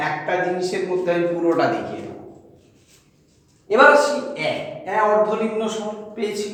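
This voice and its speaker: A man teaching a lesson on vowel sounds, repeating each sound slowly and checking again and again that his students follow. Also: high-pitched. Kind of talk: spoken grammar lesson on vowels. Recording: very echoey room with long reverb.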